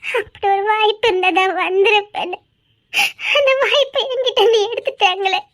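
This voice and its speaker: A woman playing a young woman, tearful, pleading, shrill high voice, audio drama. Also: moderate pace, a bit bright. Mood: desperate confession. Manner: weeping, pleading, laughing through tears. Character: tearful young woman torn between love and a forced mission.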